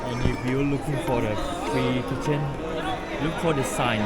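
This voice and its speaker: A man's voice: mid-range voice, steady tone, normal speed, over a noisy crowd. A man from Malaysia with a Malaysian English accent, narrating a travel vlog as he walks around a busy temple site, explaining eagerly like a tour guide. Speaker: travel vlogger. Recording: loud music over outdoor sound.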